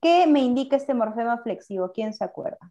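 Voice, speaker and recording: A woman teacher with a mellow, warm voice leads a language class. She quizzes her students and praises them when they answer. The recording is dull and lo-fi. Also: on the high side, lively intonation, a little fast. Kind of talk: online class lesson.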